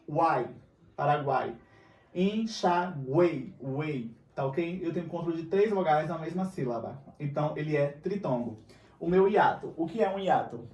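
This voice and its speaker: This grammar lesson comes from a man with a Brazilian Portuguese accent who stays patient and keeps checking in with his students. His slightly high voice sounds mellow, and it's picked up by a distant mic in an echoey room.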